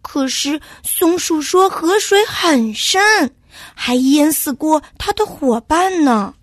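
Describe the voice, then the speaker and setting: A woman voicing a young male pony in a storybook tale, timid and unsure, with a high chirpy voice. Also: expressive, slow, no echo, studio quality. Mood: hesitant.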